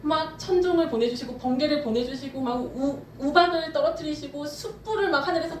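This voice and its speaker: Woman pastor, fervent sermon, high voice, echoey church hall. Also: a little fast, far from the mic, a little hiss or hum. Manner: fervent, emphatic preaching with shifts in pace. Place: church sanctuary.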